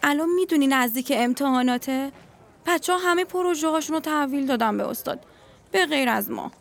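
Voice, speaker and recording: A woman's voice: sits high, gravelly. A woman playing a caring young female university classmate in an audio drama, worried and probing. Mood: concerned. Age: young adult.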